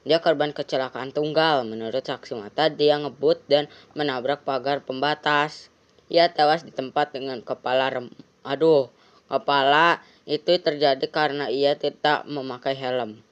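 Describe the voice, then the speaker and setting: A game streamer reading out a morgue supervisor's orders in a flat, instructive way. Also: medium pitch, normal speed, clear, resonant tone, dull audio, lightly acted. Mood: matter-of-fact.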